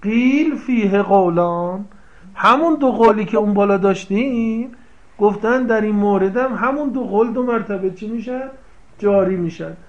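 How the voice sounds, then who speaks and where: A man with a high voice teaches from a classical legal text in a seminary-style lecture. He explains each point by repeating and paraphrasing it and keeps checking that his listeners follow. The recording sounds somewhat dull and lo-fi.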